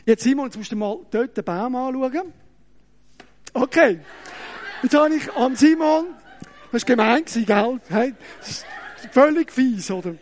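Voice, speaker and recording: A middle-aged man with a Swiss German accent preaching an animated, joking sermon that pulls the audience in, often tagging his sentences with "oder?". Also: very high-pitched, moderate pace, pauses often. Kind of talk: lively sermon with audience demonstration.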